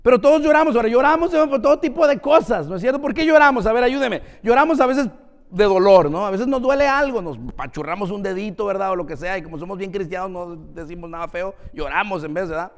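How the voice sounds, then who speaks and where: Lively high-voiced male pastor preaching. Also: quick pace, big-room sound. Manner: lively, engaging, asks the congregation questions. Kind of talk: sermon. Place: church.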